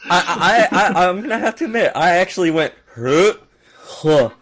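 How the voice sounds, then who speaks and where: A man's voice: sits high, fairly quick, fairly bright tone. A man co-hosting a casual movie news chat who rambles, hedges and laughs a lot. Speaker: podcast co-host.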